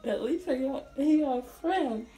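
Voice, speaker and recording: A young woman with a very high, soft-edged voice, groggy and tearful after having teeth pulled. Her mouth is numb and sore, so she slurs slowly and insists like a child. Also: animated. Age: young adult. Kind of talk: casual family chat. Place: small indoor clinic room, seated. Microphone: handheld phone camera nearby.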